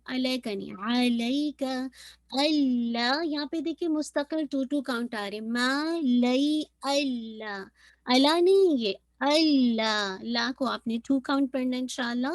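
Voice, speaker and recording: High-voiced woman teaching recitation. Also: no echo. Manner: patient, demonstrates sounds slowly and repeats them; frequently checks in with the class. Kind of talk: online tajweed lesson.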